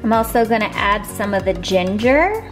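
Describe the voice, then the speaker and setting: Cooking in her home kitchen, a woman in her thirties who vlogs about fitness speaks at a moderate pace with a medium-pitched, expressive voice. The mood is casual, upbeat and homey, with a camera sitting on the counter. Her voice echoes off the kitchen walls over background music.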